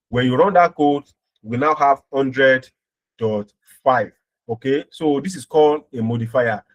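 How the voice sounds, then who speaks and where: Speaking at a medium pitch, an instructor walks through a programming tutorial step by step in a relaxed way, often tossing in brief tag words to check in with his listeners.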